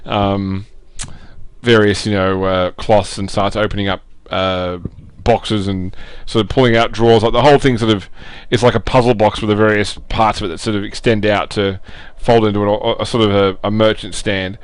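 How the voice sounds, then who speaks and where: A man's voice: lowish voice, little pitch movement, normal speed, smooth, no room sound. A man narrating as game master of a tabletop game, describing scenes in a hesitant way with many fillers.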